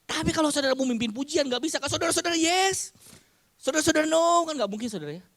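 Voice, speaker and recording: A male pastor preaching a sermon to his congregation, asking them questions and acting out their shouted amens. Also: very high voice, expressive, fast, dry recording. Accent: Indonesian. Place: church congregation.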